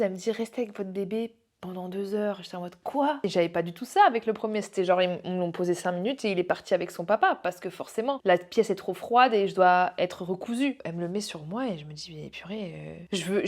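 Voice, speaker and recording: With a lowish voice, a young woman vlogger candidly shares a personal story, animated throughout, acting out the voices of the people she quotes and laughing often.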